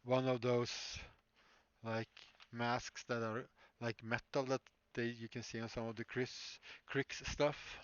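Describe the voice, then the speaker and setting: A man's voice: medium pitch, flat delivery, takes it slowly, smooth, dry recording. A man chatting casually on a livestream while building props, rambling and musing with many fillers. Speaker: prop maker livestreamer. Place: workshop. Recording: dull lo-fi stream audio, dry.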